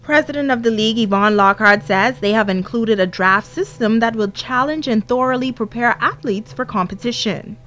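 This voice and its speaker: A Bahamian woman reporting a sports story in measured news narration. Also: a little high, fairly bright tone.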